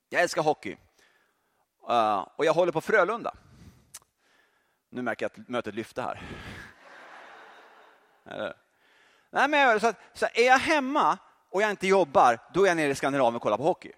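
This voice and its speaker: A male preacher giving a lively sermon, joking and speaking directly to the congregation. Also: a little high. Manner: animated, joking, addresses audience directly.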